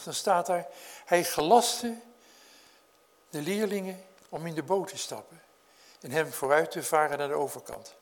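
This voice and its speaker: Male preacher, earnest, higher voice, loud in the story, quiet in reflection. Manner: earnest, rises in pitch and volume when storytelling, drops low for reflection; addresses congregation directly with questions. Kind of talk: sermon.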